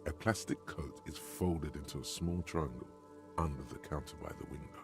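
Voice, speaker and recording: Gravelly, very deep brooding game narrator, measured and grim, game music under him. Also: male voice.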